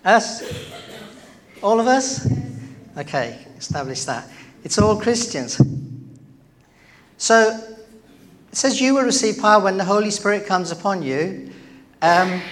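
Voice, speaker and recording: A man's voice: sits high, a bit bright, slight background noise. Male pastor preaching conversationally. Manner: conversational, with many fillers and questions to the congregation. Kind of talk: sermon. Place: church.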